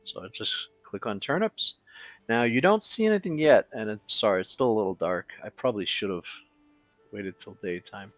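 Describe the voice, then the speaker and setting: A man talking through a game tutorial in a relaxed, casual way, thinking aloud with fillers as he clicks along. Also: on the low side, moderate pace, no room sound, lo-fi sound, faint music behind. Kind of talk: casual screen-recorded tutorial.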